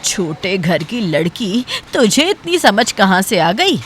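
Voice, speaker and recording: A domineering cartoon mother-in-law who looks down on everyone around her. She speaks slowly and deliberately, with a cutting, contemptuous edge and a mid-pitched voice. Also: expressive, a bit bright, a little hiss or hum. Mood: scornful. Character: domineering older mother-in-law, scornful and harsh. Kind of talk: cartoon voice acting.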